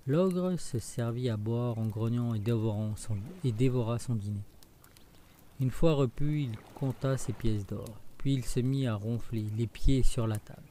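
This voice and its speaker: A man narrating a fairy tale in a steady, even reading. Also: mid-range voice, a little slow, a little hiss or hum. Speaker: storyteller. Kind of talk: scripted storybook narration.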